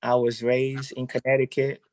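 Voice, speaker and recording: A man's voice: mid-range voice, flat delivery, normal speed, a little mellow, dry recording, poor audio. A man from Haiti, an educator being interviewed, who talks hesitantly with many ums.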